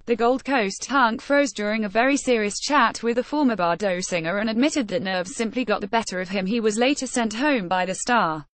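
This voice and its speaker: A woman's voice: medium pitch, no room sound. Dry synthetic female news reader. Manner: synthetic, literal reading of punctuation and dates. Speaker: article reader. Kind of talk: scripted news narration, read-aloud article.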